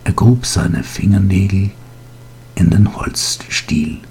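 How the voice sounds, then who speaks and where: A man narrating an audiobook story slowly and dramatically, often dropping to a whisper. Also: sits low, gravelly, darkish tone, slightly rough.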